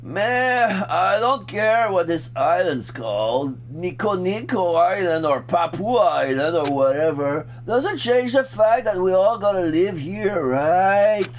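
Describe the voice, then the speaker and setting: A man's voice: sits high, expressive, slow, few pauses, a little hiss or hum, voice pushed up. A man voicing a carefree, indifferent teenage girl gymnast from a video game.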